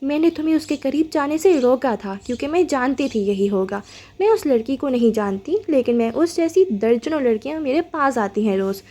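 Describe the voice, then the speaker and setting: A woman voicing a composed woman therapist in a storybook reading, measured and firm as she reasons. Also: high-pitched, dark tone.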